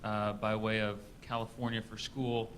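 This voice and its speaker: A man from Texas introducing himself on a panel, measured and dotted with uhs. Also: on the low side, little pitch movement, fairly bright tone, slight background noise. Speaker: panelist, philanthropic advisor.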